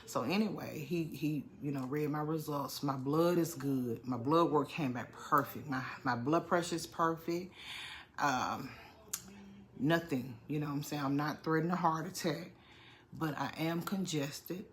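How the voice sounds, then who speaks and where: Under the weather with a congested chest, a middle-aged vlogger talks to her viewers a little slowly in a deep voice. She keeps repeating herself and calls them "y'all," over slight background noise.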